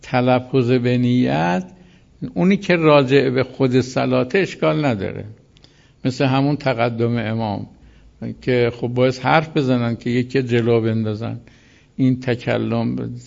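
A man teaching a seminary lesson on religious law, explaining slowly, repeating key terms and checking that his listeners follow. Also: medium pitch, fairly even intonation, vocal fry, darkish tone. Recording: dull lo-fi recording.

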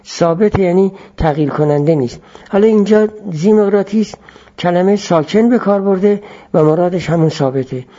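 A male philosophy teacher delivers an explanatory lecture at an unhurried pace, circling back to key phrases so students remember them. His tone is dark and mellow, sitting slightly higher than usual, captured on a muffled lo-fi recording.

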